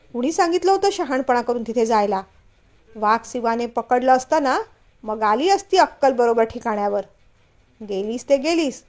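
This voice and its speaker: Woman voicing a stern scolding young husband. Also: on the high side. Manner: scolding, firm, louder.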